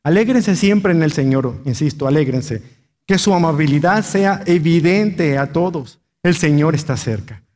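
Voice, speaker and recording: A man's voice: fairly high pitch, lively intonation, measured pace, a little mellow. A male pastor preaching a sermon, emphatic, with rhetorical questions and repeated exhortations.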